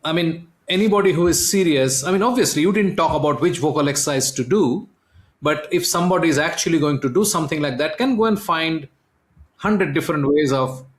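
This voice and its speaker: A man's voice: on the high side, a little fast. A man hosting a podcast interview, talking thoughtfully and repeating words as he reaches for his point. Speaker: podcast host. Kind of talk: conversational interview. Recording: echoey room.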